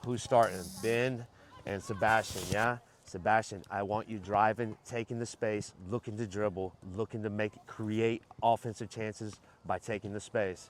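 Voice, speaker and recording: Coaching a soccer team through a pre-game and halftime pep talk, a man hammers home key points, gives instructions and asks short questions to make sure players follow. He has a fairly low voice with fairly even intonation and a normal speed. A little hiss or hum can be heard.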